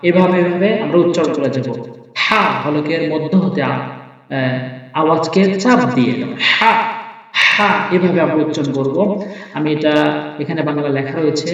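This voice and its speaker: A man teaching Quran recitation as a step-by-step lesson, patiently spelling out letters and repeating each sound in drills. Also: on the high side. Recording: very echoey room, mic at a distance, dull sound.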